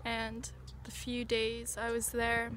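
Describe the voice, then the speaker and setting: Woman, twenties, high-ish and level voice, dreamy and earnest, tripping on mushrooms, self-shot outdoor vlog. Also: monotone, slow pace, fairly bright tone. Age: 20s. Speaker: vlogger. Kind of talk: reflective personal vlog to camera. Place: outdoors on a sandy riverbank. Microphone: camera or phone at arm's length. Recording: outdoor ambient noise, handheld camera.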